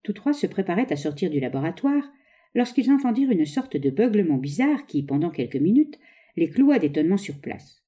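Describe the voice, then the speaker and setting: A woman calmly reading a novel aloud as narrator. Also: lowish voice, a little fast, breathy edge. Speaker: audiobook reader.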